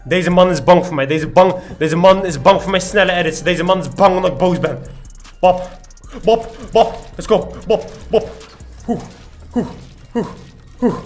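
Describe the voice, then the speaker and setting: A man's voice: sits high, measured pace. A young man giving boastful, trash-talking commentary over his own gameplay. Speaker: gaming YouTuber.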